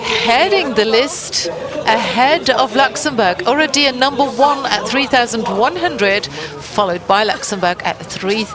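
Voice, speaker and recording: A woman's voice: a little high, lively intonation, a little slow, crowd noise. A woman giving live sports commentary in an encouraging, exclaiming way, often repeating her phrases. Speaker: live event commentator, also relaying a translator's words.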